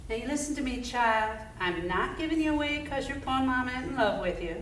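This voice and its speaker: A woman's voice: high-pitched, lively intonation, a little fast, a little hiss or hum, voice pushed up. A woman acting out a troubled young mother giving up her baby, crooning a lullaby and pleading, on an echoey stage heard from a distance.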